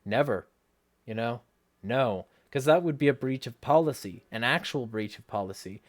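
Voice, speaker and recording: A man's voice: mid-range voice, animated, normal speed. A man hosting a ranting livestream, blunt and indignant with heavy swearing and a sarcastic edge. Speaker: livestream host. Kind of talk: ranting livestream talk, reading viewer comments.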